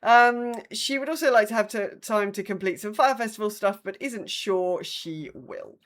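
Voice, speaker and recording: At a moderate pace and medium pitch, a podcast co-host from England chats casually and reads out listener updates. She comes across as wry and hesitant, frequently correcting herself.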